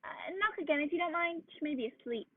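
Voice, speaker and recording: A woman's voice: sits high, expressive, quick pace, narrow, tinny audio, very noisy. A woman playing an earnest, genteel male doctor who narrates an old-fashioned radio detective play. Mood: concerned. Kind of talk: 1940s radio play acting and storytelling.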